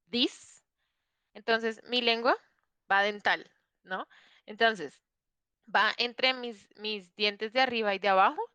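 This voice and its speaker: A woman's voice: a little high, bright, forceful tone, clear, resonant tone, no room sound. A woman teaching an online English class, explaining patiently and checking in often with her students.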